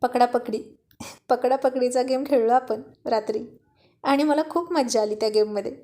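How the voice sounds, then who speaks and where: Teasing young husband in an audio story, slow and sly, mellow tone, read by a woman. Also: on the high side, fairly even intonation, close to an everyday voice.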